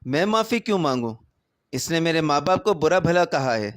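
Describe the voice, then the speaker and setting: A man voicing a proud young wife who shouts sharp retorts in a family quarrel. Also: a little high, expressive, no room sound, clean studio sound, lightly acted. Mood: furious.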